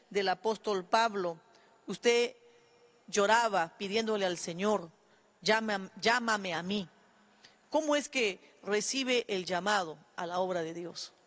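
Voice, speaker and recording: Slow-spoken interviewer. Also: medium pitch, a bit bright. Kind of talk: religious program interview.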